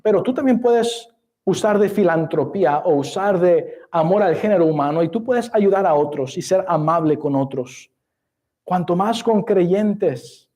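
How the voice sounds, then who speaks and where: A man's voice: sits high, mellow. A male pastor preaching a sermon in church, rising to emphasis and quoting scripture in formal old-style phrasing. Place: church sanctuary.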